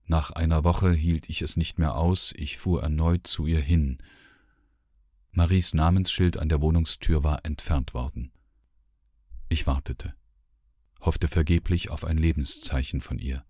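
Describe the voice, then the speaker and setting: A man narrating a literary audiobook in a measured, sombre first-person voice. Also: a bass voice, a little mellow, no room sound, studio quality.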